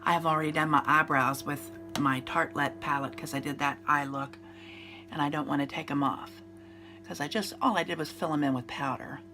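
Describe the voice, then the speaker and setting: Over music, a beauty vlogger in her fifties chats a little quickly through her makeup, her low voice fairly even in intonation. She's congested and nasal from a cold, and her casual talk rambles with fillers and restarts.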